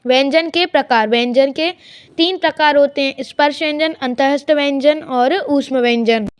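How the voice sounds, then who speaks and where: A woman teaching a grammar lesson, explaining each point slowly and repeating it with examples. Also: high voice.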